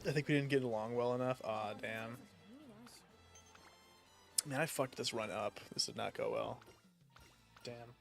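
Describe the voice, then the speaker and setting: A young American streamer chats casually while gaming, rambling with lots of fillers and casual swearing. His medium-pitched voice is steady, unhurried and creaky, with frequent pauses and faint music behind him.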